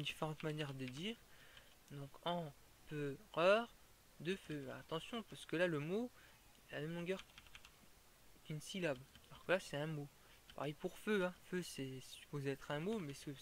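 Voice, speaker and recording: A man's voice: on the high side, slight background noise. A man explaining a fire-breathing tutorial in an informal way, stopping and restarting as he goes over each step.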